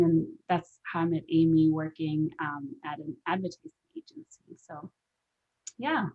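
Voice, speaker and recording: Woman on a video call, lowish voice, hesitant, muffled lo-fi audio. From Denmark. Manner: hesitant, many fillers like kind of and um. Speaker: guest, deck co-creator. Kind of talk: casual video-call interview.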